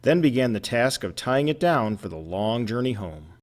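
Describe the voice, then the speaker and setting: A man's voice: mid-range voice, sing-song, normal speed. A man narrating his channel's trip as host, in scripted voice-over.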